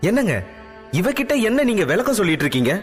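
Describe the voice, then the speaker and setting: A strict, sharp-tongued mother from an audio drama, voiced by a male narrator. Her voice sits high and snaps through each rebuke. A long hall reverb and a faint music bed sit behind her. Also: animated, a little fast. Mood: scolding. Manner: scolding, shrill.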